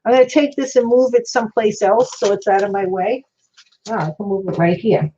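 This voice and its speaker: A woman's voice: medium pitch, brisk, warm tone, dull audio, a little hiss or hum. A woman with slightly mushy, toothless articulation, chatting casually and thinking aloud as she hosts a craft livestream. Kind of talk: casual chat while demonstrating crafts. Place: indoor craft worktable.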